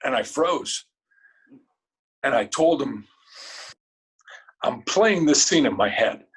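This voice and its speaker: A man, a guest in an interview, telling a story in a casual, animated and emotional way, cursing freely. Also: mid-range voice, slow pace, breathy edge, low-quality recording.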